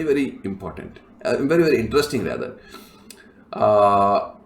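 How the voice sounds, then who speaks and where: A male professor giving a recorded lecture, explaining step by step with many fillers and frequent throat clearing. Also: medium pitch, echoey room, slight background noise.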